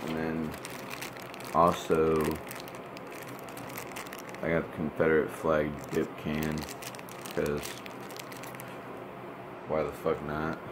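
A young man talking casually and in a low-key mutter as he does a homemade unboxing and product review. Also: completely flat delivery, takes it slowly, long pauses. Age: young adult. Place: small room at home, indoors. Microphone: camera or phone at arm's length. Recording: loud ambient noise, homemade webcam-style sound. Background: loud room noise.

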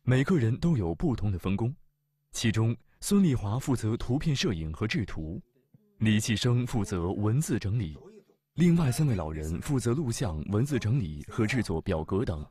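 A man narrating a travel documentary in a measured, formal way. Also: lowish voice, sing-song, warm tone. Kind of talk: scripted narration.

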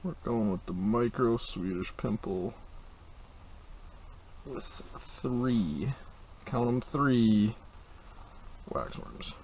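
A young man filming himself ice fishing on a body-worn action camera, narrating casually and exclaiming in excitement. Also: on the low side, vocal fry, slight background noise, low-quality recording. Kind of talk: casual first-person narration. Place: outdoors on a frozen lake, then in an ice shelter.

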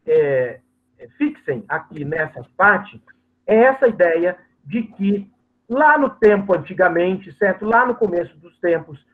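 A man's voice: sits high, breathy edge. Hesitant man lecturing over tinny call audio. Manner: hesitant, explanatory, frequent "é" fillers. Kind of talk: academic lecture.

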